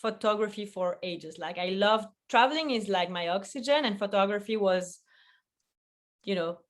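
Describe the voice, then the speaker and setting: A woman's voice: medium pitch, moderate pace. Chatty Belgian woman from a video call. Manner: chatty, laughs often, many restarts. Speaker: guest, food photographer. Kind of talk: casual interview conversation.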